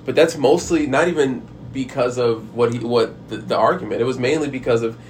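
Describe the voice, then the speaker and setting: A man's voice: mid-range voice, brisk, slight background noise. A man talking casually and frankly about handling hard conversations, rambling with frequent restarts and the odd swear word. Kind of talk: casual advice monologue.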